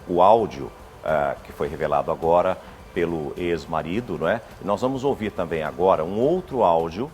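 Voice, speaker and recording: Male host, deep voice, formal broadcast announcing. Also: fairly quick, a little mellow. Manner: formal presenter tone. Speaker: TV show host. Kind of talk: broadcast presenting. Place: television studio.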